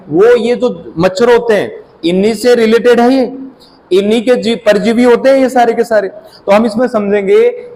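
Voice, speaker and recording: A man's voice: high voice, a little mellow, low-quality recording. A man teaching a competition exam class, quizzing students and having them repeat key terms back to him. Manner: quizzes the class with repeated call-and-response prompts. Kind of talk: classroom lecture.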